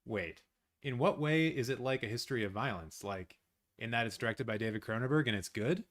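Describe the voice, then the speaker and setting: A man's voice: medium pitch, expressive, brisk, a bit bright. A chatty man from Canada, talking casually to a live-stream audience from his apartment. He rambles and restarts, with a mid-range voice and plenty of fillers. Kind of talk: casual live watch-along chat, reading viewer comments.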